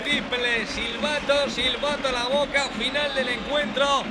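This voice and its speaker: A man calling live football in a breakneck, excited goal-commentary style. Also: very high-pitched, measured pace. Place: outdoor football stadium. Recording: loud crowd and stadium noise. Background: loud crowd noise.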